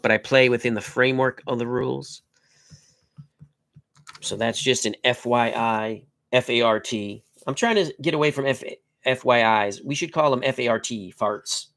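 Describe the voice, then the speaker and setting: A middle-aged man with a mid-range, fairly bright voice hosts a tabletop baseball live stream. He sounds nasal and congested from a cold, chatting and joking casually while reading player stats and the lineup in short, clipped bursts.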